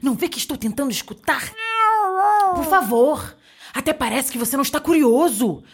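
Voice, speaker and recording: An actress playing a sheltered, dreamy young maiden who talks in theatrical, tearful sighs, with a breathy voice, in an audio drama. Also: female voice, high-pitched, normal speed. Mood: melodramatic.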